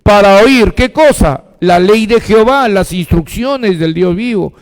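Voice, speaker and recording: Speaking a little slowly, a male pastor from Peru delivers a sermon in a voice pitched high for a man. Again and again he asks his congregation questions and answers them himself. Each phrase fades into a long, reverberant echo.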